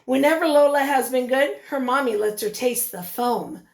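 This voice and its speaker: Here a female teacher reads a picture book aloud to little kids with expression, halting to ask questions. Her voice is high-pitched with vocal fry.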